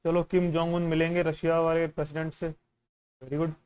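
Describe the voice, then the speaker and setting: A man's voice: fairly high pitch, little pitch movement, normal speed, darkish tone, smooth. A man coaching exam students in a casual lesson, talking the listener through a newspaper in a conversational, instructive way and mixing in English phrases. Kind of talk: casual teaching while going through a newspaper.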